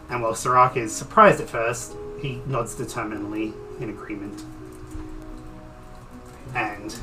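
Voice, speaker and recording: Laughing young game master, distant mic. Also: male voice, mid-range voice, sharp tone. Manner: casual, laughs often, many fillers. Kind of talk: narrating a tabletop game. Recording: distant mic with background music.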